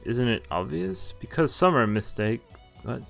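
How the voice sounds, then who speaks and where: A man with a creaky, fairly bright mid-range voice and big pitch swings reads a visual novel aloud a little slowly for his stream. It's a casual playthrough where he stumbles over lines now and then and adds asides, all over background game music.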